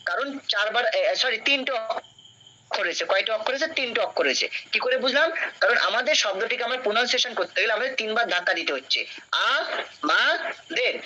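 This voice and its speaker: A man's voice: high voice, animated, fast, sharp tone, muffled recording, a little hiss or hum. Patient man teaching a class. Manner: patient, questioning, repeats and checks understanding. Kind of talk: classroom lecture.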